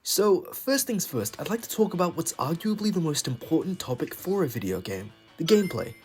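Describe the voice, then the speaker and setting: Young male host, raspy and hoarse from illness, slightly higher pitch, animated opinionated narration, faint music behind. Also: fairly quick. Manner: enthusiastic, opinionated. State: sick, hoarse. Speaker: gaming video host. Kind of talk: scripted video essay narration.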